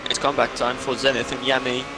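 A man's voice: medium pitch, monotone, fast talker, heavy background noise. A man co-commentating live on an online car race, adding observations and driver analysis like a motorsport commentator.

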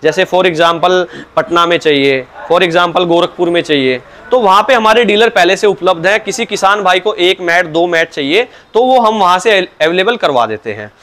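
A man with a fairly high voice, speaking as a dealer in his shop. He explains things patiently and politely, like a salesman. His answers often open with a respectful address to the questioner. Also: normal speed, hardly any pauses, a bit bright. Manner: patient, salesman-like, repeatedly opens with "sir, look". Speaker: cow mat dealer. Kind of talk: product explanation in an interview.

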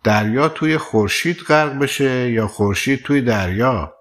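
A soft-spoken young woman with lost memories, gentle and lightly teasing in an audiobook scene, as a male reader voices her. Her tone stays even and mild at a middling pitch. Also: lightly acted.

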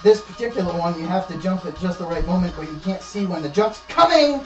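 A man's voice: high voice, lively intonation, fast talker, recorded from a distance, dull audio, faint music behind. A young man hosting a challenge video, casually explaining things in a bathroom, a little away from the camera. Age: young adult. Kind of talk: casual explanatory vlog chat. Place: small tiled bathroom. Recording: echoey bathroom, away from mic.

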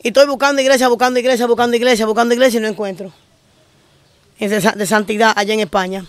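A woman pastor with a Dominican Spanish accent recounts her testimony at a rapid clip, often repeating phrases in short bursts. Her voice is clean and crisp, recorded close and dry with no room echo. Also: on the high side, steady tone. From Dominican Republic. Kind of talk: emotional testimony storytelling. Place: living in Spain.

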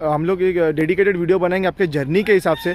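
A man's voice: high-pitched, fairly even intonation, quick pace, a little mellow, slight background noise. A man, interviewing a farm owner for a goat channel and agreeing often. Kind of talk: casual outdoor interview.

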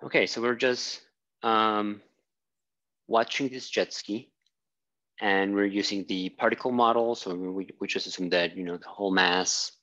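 An unhurried man lectures on physics at a whiteboard in a small room, thinking aloud with fillers and restarts as he draws. His voice is on the low side with fairly even intonation and a sharp tone, and the recording is lo-fi.

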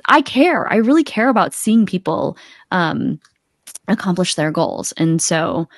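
Speaking unhurriedly with big swings in pitch, this coach appears as a podcast guest, her lowish voice earnest and thoughtful in a relaxed interview. She's on a video call from a home room, near a desktop mic, with no room sound audible.

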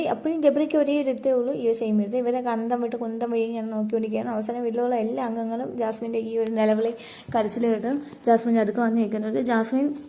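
A woman's voice: a little high, dark tone. A woman casually recapping a reality show episode for her viewers, chatty and full of fillers. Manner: chatty, addresses viewers as guys, many fillers.

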